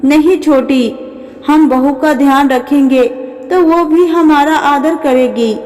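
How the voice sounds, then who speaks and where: A calm, reproving elderly aunt-in-law, as a storyteller woman puts her on, speaking in a measured, admonishing way. The voice sits high and unhurried. A long reverb trails each phrase. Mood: kindly.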